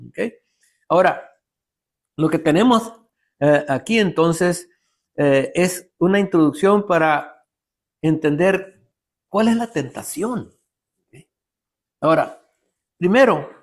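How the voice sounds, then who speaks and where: High-voiced man teaching the Bible. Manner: checks in with a frequent "ok?"; reads verses aloud slowly and explains them.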